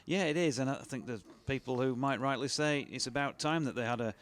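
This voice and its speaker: A man doing relaxed, chatty ball-by-ball radio cricket commentary. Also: medium pitch, a little fast. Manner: relaxed, chatty, with fillers and laughs between balls.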